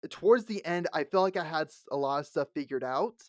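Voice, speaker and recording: This late-twenties podcast co-host talks fairly quickly in an expressive, slightly high voice. He keeps the chat casual, laughs a lot and performs the people he quotes, all recorded studio-clean with no room sound.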